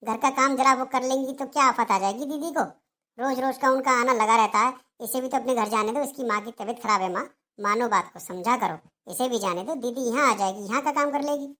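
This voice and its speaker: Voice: mid-range voice, a little fast, bright, forceful tone, lightly acted. Voice actor as a pleading grown son. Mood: reasoning. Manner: reasoning, pleading. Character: grown son caught between mother and wife, pleading. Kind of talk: Hindi cartoon dialogue.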